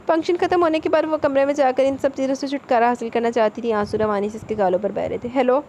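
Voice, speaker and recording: A woman reading a romance novel aloud as narrator, expressive and steady. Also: on the high side, slight background noise. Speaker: audiobook narrator.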